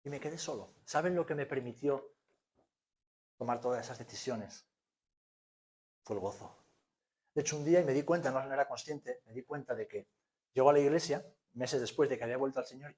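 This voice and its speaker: A pastor in his forties with an accent from Spain, preaching to his church. He drops to near quiet and then rises to loud peaks. His voice sits at an average pitch for a man. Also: a little fast, long pauses. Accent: Spanish from Spain. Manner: preaching with sudden swings from hushed to loud. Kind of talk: sermon.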